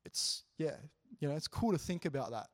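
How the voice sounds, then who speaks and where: A man's voice: fairly high pitch, fairly quick. Earnest man telling a story in a casual sermon. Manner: earnest, animated, with frequent "you know" asides. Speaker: preacher sharing a testimony.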